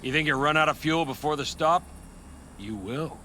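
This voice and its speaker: Bright-voiced, wry older nomad man. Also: a little high, normal speed, slight background noise. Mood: wry, urging. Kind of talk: video game dialogue.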